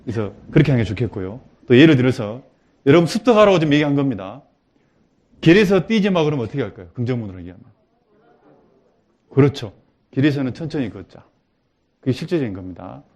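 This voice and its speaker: A male preacher gives a church teaching talk. His voice sits at an ordinary middle pitch. He drops low and soft to explain, then acts out short quotes with sudden loud, lively bursts. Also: quick pace, pauses often, dull audio.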